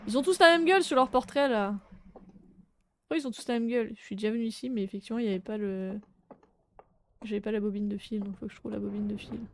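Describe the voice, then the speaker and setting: A young adult woman streaming a game, chatting casually with viewers in French, swearing and breaking into sudden loud exclamations. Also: medium pitch, fast talker. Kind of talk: casual live game commentary.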